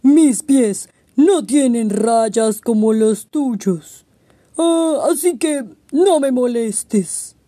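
A man reading a storybook aloud, voicing a grumpy, gruff female walrus who brushes others off. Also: very high-pitched, expressive, extremely slow, dark tone, dry recording, clean studio sound, pitched above the performer's own voice, full character voice. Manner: gruff, dismissive.

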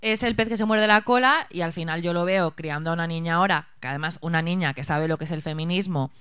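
A woman co-hosting a casual podcast, telling anecdotes in an animated way. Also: lowish voice, fast, clear, resonant tone, no echo, clean studio sound. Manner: animated storytelling. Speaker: podcast co-host. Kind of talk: casual chat.

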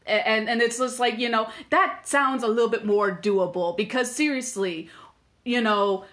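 Woman cohost rambling on, lots of likes and restarts, a bit high voice. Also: moderate pace, a bit bright. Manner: rambling, many fillers and restarts. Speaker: podcast co-host. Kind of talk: casual chat.

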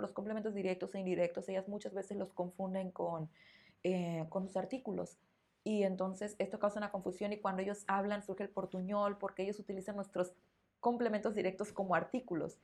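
A woman with a slightly mellow, medium-pitched voice and a Mexican accent hosts a podcast where she teaches Spanish, chatting in an interview. Her explanations are considered, with words repeated as she gropes for them.

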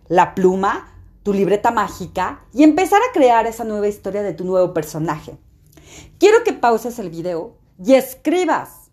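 A woman's voice: medium pitch, a little mellow. A woman self-help coach giving an emphatic motivational talk, full of rhetorical questions.

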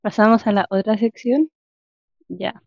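Lively Chilean woman telling stories. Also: mid-range voice, measured pace, vocal fry, no room sound. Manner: lively storyteller, laughs often. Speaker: podcast co-host. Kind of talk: casual chat. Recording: dull lo-fi, dry.

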